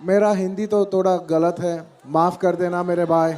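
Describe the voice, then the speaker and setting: A man with a fairly high voice talks slowly, with halting pauses and self-corrections. The clip carries clear background noise and clicks. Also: fairly even intonation.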